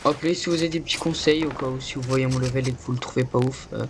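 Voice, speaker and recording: Young gaming creator, mid-pitched, lisping with slushy s, casual hesitant commentary over a very noisy recording. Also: steady tone, fast talker. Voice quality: lisp, slushy s sounds. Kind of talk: casual live gameplay commentary.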